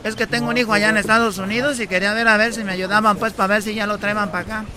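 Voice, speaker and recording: A man's voice: high voice, level tone, rapid-fire, a crowd in the background, natural voice. A man voicing an anxious father asking for help, rambling and hesitant. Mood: pleading. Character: anxious older man asking about his son.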